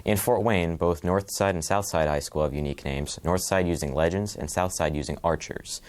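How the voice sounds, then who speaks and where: A young man with a notably deep voice reads a scripted school TV segment. His delivery is even and measured, like someone working through a prepared list. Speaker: student presenter. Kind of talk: scripted narration.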